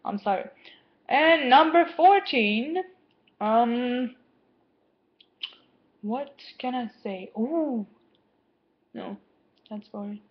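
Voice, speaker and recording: A teenage girl rambles to her camera at home, drifting off topic and filling her talk with "like". Her voice sits a little high. The sound is dull and lo-fi, like a cheap webcam mic. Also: very slow, pauses often. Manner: rambling, easily distracted, lots of "like". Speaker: vlogger. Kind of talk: casual chat to camera. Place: home, indoors.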